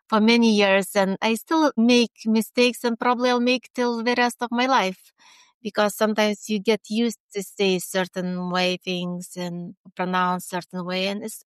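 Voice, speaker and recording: Earnest interview guest: a woman in her forties with a Lithuanian accent, smooth and crisp in tone, recorded close and dry. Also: mid-range voice, no room sound. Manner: earnest, talks in quick bursts with restarts. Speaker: guest, HR consultant. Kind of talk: casual interview talk.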